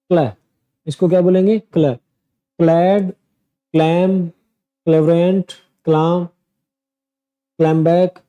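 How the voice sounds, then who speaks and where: A man's voice: a little high, mellow, muffled recording. A man teaching pronunciation in a lesson, drilling word lists aloud and asking and answering his own questions. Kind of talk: screen-share lesson.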